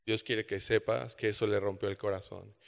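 A man's voice: fairly low pitch, normal speed, gravelly, muffled recording. Man preaching in an echoey hall. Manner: animated storytelling with quoted dialogue. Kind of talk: sermon storytelling.

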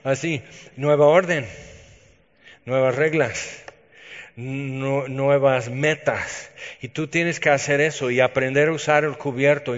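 A man's voice: on the high side, a bit bright. A man with a Mexican accent giving a conversational sermon, telling stories with self-teasing humor. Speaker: preacher. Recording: dull reverberant hall sound.

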